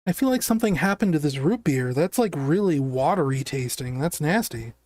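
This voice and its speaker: A streamer with a naturally scratchy voice giving casual gameplay commentary, chatty and quick to react aloud. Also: mid-range voice, expressive, darkish tone, no room sound.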